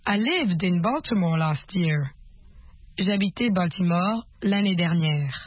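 Woman, language course narrator, measured and explanatory, dull lo-fi tape. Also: on the low side, expressive, background noise. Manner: measured, explanatory, models phrases in two languages. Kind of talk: instructional narration.

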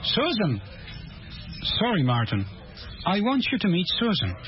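An actor playing a polite young male student from abroad in a scripted textbook dialogue, speaking clearly and carefully. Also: high voice, huge pitch swings, measured pace, soft background music, full character voice. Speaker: language course dialogue actor. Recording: dull lo-fi course tape.

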